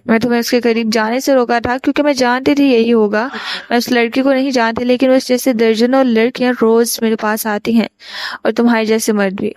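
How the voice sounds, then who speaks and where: A composed woman psychologist lays things out steadily and firmly, as a woman narrator reads her in her own fairly high voice. The recording is dry and close. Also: darkish tone, no room sound, close to an everyday voice. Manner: composed, professional. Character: calm, firm woman psychologist.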